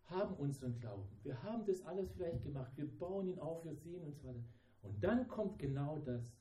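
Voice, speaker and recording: A man's voice: a little high, warm tone, roomy sound, rough recording. A man preaching a sermon in a dramatic way, acting out the voices of the people in the story. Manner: dramatic, acts out the disciples' voices.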